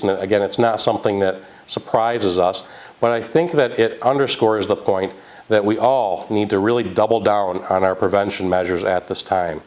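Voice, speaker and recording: Measured, low-voiced Midwestern health official. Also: male voice, poor audio. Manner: measured, earnest, with fillers. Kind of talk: public health video update.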